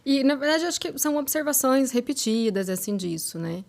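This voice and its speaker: A woman's voice: high-pitched, lively intonation, fairly quick, vocal fry. A woman in her thirties with a Brazilian Portuguese accent, co-hosting a parenting podcast, explaining with examples and acting out little quotes. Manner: explanatory, many tag questions, acts out parent and child quotes. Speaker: co-host, neuroscience parenting podcast. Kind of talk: casual expert chat.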